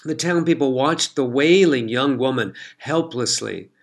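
A man narrating a story in a measured, scripted storytelling delivery. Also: mid-range voice, vocal fry.

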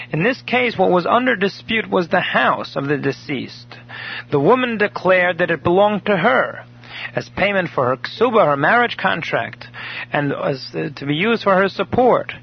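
Husky guy giving a torah lesson, slow storytelling, glosses hebrew words, muffled lo-fi sound. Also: sits high. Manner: measured storytelling, with Hebrew terms glossed in English. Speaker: Torah teacher. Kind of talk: recorded daily study class. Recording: dull lo-fi recording.

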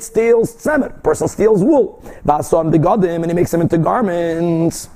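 A man's voice: high-pitched, warm tone. A man giving an explanatory religious lecture, translating line by line and emphatically answering his own rhetorical questions. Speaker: religious teacher giving a Talmud class.

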